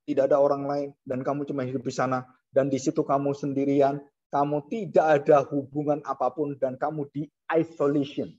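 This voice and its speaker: In a dull lo-fi recording, a man preaches a sermon as a pastor, animated throughout, going high in voice to act out frightened people and low to stress solemn points.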